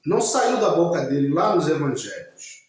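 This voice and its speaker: A man giving a slow, emphatic religious talk, speaking directly to his listeners. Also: a little high, big pitch swings, darkish tone. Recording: very echoey room.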